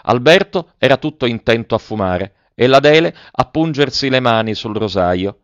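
A man reading a classic novel aloud in measured, tender storytelling narration. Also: mid-range voice, expressive, no echo, highs cut off. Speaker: audiobook narrator. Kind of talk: literary audiobook narration.

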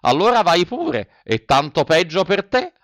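A man's voice: on the high side, very animated, a little slow, a bit bright, dry recording, pitched above the performer's own voice. A cunning, honey-tongued fox in a storybook tale, put on by a male narrator. He lifts his voice somewhat above the narrator's own and coaxes with persuasive patter. The sound is dry and close. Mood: coaxing. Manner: persuasive, coaxing storyteller delivery. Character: sly flattering male fox, smooth talker.

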